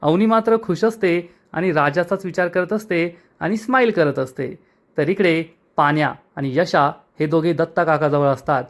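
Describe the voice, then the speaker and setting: A man narrating a recap of a TV serial episode in a brisk storytelling manner. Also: on the high side.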